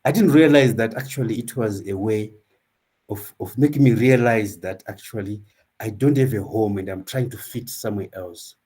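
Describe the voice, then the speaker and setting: A low-voiced man gives a reflective personal talk at an online academic symposium. He speaks thoughtfully and haltingly, pausing to find his words. His voice comes through a video call. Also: warm tone, breathy edge. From Zimbabwe.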